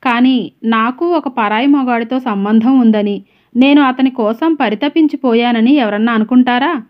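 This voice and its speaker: A woman voicing a gentle, long-suffering middle-aged housewife who confesses in a sorrowful way. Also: on the high side, normal speed, lightly acted. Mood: sorrowful confessing. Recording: dull lo-fi recording.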